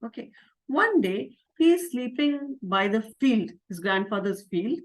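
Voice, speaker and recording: A woman, a spiritual teacher telling a moral story to children, gentle and questioning with many fillers. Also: a little high, sing-song, unhurried.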